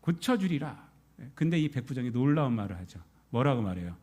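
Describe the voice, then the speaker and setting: A man preaching a Sunday sermon as pastor, questioning his congregation and swinging between loud emphatic peaks and soft low asides. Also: animated, quick pace.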